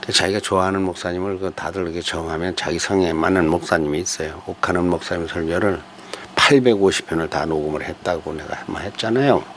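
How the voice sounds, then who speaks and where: Older guy rambling on in a folksy talk, lowish voice, lots of um and eh, faint hiss behind. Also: fairly even intonation, quick pace, a bit bright. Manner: folksy, digressive, with hesitant fillers and rhetorical asides. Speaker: host giving a talk on character and family. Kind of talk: rambling spoken commentary.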